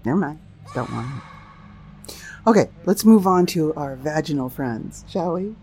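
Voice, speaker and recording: A woman's voice: low-pitched, animated, normal speed, warm tone, slight background noise. A woman hosting a humorous solo talk show, speaking in a wry, teasing way with theatrical asides to listeners. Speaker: host of a sex-topic show.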